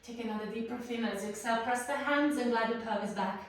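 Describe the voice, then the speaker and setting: A woman teaching a guided yoga class, calmly cueing breaths and poses, a little out of breath from moving while she talks. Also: a little high, fast talker. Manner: calm cueing of breath and poses, playful asides. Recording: roomy echo, voice far from the mic.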